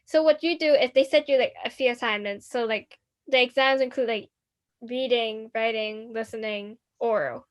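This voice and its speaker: Her voice is on the high side and steady, moving at a moderate pace, as this Hong Kong teen co-hosts a student podcast. The talk is casual and rambling, full of restarts and filler words.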